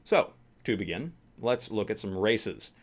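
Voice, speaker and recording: A man with a somewhat low voice talks casually to camera about tabletop games, the way a game master chats with his audience. He rambles with enthusiasm and often stops to correct himself mid-sentence. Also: lively intonation, a little slow.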